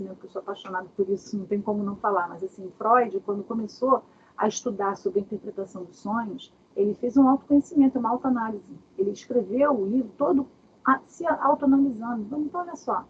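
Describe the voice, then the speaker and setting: Uma mulher dá um workshop online de casa, com jeito animado e muitas perguntas retóricas. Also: female voice, fairly high pitch, slight background noise. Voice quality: very husky. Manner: animated, asks many rhetorical questions. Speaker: workshop speaker. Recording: dull lo-fi video call audio.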